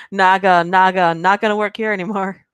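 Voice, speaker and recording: With a clean tone at medium pitch, a woman hosts a live stream for her horror narration channel, giggling, using lots of fillers, and rambling as she reads and responds to viewer comments. The recording is dry.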